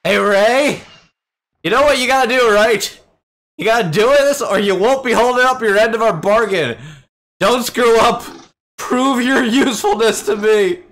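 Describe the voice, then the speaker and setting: A man voicing a foul-mouthed, violent young male killer from a horror game, brash and shouting. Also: on the high side, sing-song, unhurried, gravelly, pitched above the performer's own voice, exaggerated voice. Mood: angry. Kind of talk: reading game dialogue aloud on stream.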